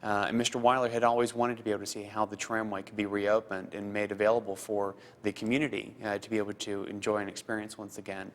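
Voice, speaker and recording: A man in his thirties who grew up in Costa Rica, a foundation program officer answering interview questions earnestly, halting with fillers and repeats. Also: on the low side, little pitch movement.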